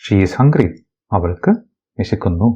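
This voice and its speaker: A man from Kerala, reading out practice sentences for a lesson. His voice is husky and fairly low, and he lets the pitch rise and fall a great deal. Each line comes very slowly and deliberately on a dull, lo-fi recording. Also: animated, warm tone. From Kerala, India. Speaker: English teacher. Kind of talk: bilingual phrase-by-phrase lesson.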